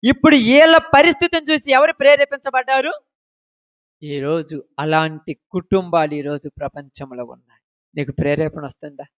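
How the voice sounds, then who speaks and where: Male preacher, high smooth voice, impassioned rhetorical sermon style, dull dry lo-fi recording. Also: steady tone, moderate pace, no echo. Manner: impassioned, swinging between loud declarations and low asides; rhetorical questions to the congregation. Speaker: pastor.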